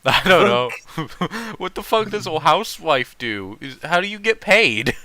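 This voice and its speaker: Reading fan fiction aloud a little slowly, this host's voice sits on the high side. He keeps stopping to add casual commentary full of animated opinions and profanity.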